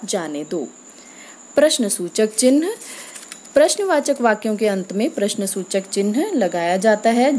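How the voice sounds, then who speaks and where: Calm woman teaching a grammar lesson. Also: fairly high pitch. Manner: clear, measured teaching tone, slowing for examples.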